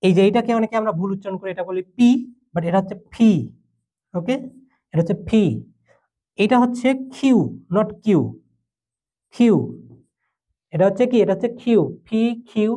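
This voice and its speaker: High-voiced young man teaching English. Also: a little fast, warm tone. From Bangladesh. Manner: patient, explains step by step with fillers and mixed English. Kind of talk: classroom lesson explanation.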